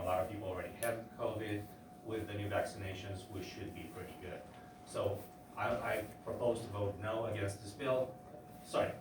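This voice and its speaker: A man giving public testimony at a hearing, halting with many fillers and restarts. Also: on the low side, background noise. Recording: echoey hearing room from far off.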